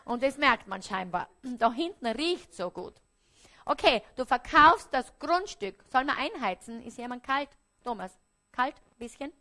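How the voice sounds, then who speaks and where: A woman with an Austrian accent, preaching a parable on stage before an audience, often dropping to a hushed, quiet voice. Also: a little high, lively intonation, unhurried. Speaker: stage speaker.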